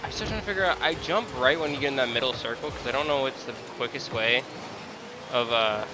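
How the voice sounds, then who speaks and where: A man in his early twenties talks in a casual, confiding way over gameplay. His pitch is average for a man and his delivery is hesitant and self-deprecating. Music plays clearly behind him. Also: brisk. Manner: hesitant, searching for words. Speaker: gaming content creator.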